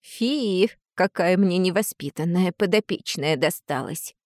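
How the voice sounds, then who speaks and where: A woman's voice: on the low side, expressive, unhurried, dry recording, studio quality. Woman voicing Tirion, a haughty hissing lizard. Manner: hissing, condescending. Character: haughty male lizard guardian spirit, small, prickly.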